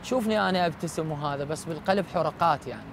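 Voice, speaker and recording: A middle-aged cleric with an Iraqi Arabic accent, giving reflective, halting answers in an outdoor interview. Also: male voice, on the high side, animated, gravelly. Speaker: religious cleric guest. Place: outdoors at night in a city park. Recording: traffic and city noise behind.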